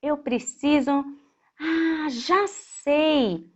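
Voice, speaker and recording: A woman's voice: sits high, extremely slow, muffled recording, voice pushed up. A woman voicing an earnest, determined young boy in a children's story, eagerly reasoning aloud.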